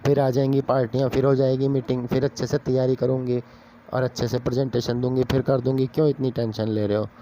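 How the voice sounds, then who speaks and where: A man voicing a careless young woman secretary who coaxes her boss slowly and later begs him. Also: mid-range voice, little pitch movement, dark tone, slight background noise, lightly acted, rough recording. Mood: coaxing. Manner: slow, coaxing, then begging.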